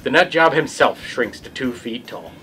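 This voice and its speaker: A man co-hosting a horror host show with deadpan, scripted comic commentary. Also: medium pitch, moderate pace, faint music behind, low-quality recording.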